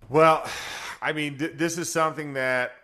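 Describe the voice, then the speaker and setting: A man's voice: fairly high pitch, steady tone, moderate pace, sharp tone. A man who is a former offensive lineman, co-hosting a sports radio show in a rambling, chuckling way. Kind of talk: casual sports talk.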